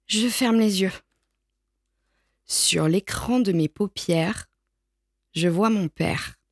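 Brief: woman reading a storybook aloud, unhurried and gentle, close dry sound. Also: fairly high pitch, no room sound. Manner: slow, gentle storytelling with lifted voices for the brother. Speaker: storybook reader. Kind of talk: children's book read aloud.

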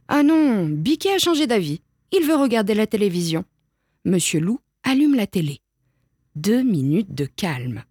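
A woman reading a children's picture book aloud, slow and expressive, recorded close and dry. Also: mid-range voice, husky, no room sound. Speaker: storyteller.

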